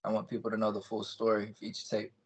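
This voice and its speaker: Low, even-toned young man, lo-fi audio. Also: fast talker, breathy edge. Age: 20s. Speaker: music artist being interviewed. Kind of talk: casual interview chat. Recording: dull, lo-fi call audio.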